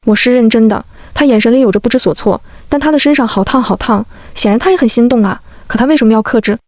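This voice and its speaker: A woman's voice: on the high side, fast, darkish tone, no room sound, clean studio sound. A young woman telling a first-person romance story, voicing all the characters in her own light voice. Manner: plays every character in the same light voice. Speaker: narrator.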